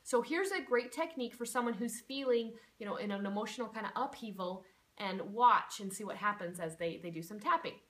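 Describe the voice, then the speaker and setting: A woman's voice: mid-range voice, a little fast. Lady walking you through tapping, chatty, kinda far from the mic. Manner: chatty, lists emotions in soft murmurs while tapping. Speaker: tapping instructor. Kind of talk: guided self-help demonstration.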